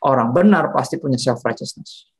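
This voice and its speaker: A male pastor gives a loose, joking sermon in a church. His voice is gravelly and a little husky. He tells stories in an animated, chatty way. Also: medium pitch, normal speed. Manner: slangy, joking, animated storytelling. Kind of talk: casual sermon.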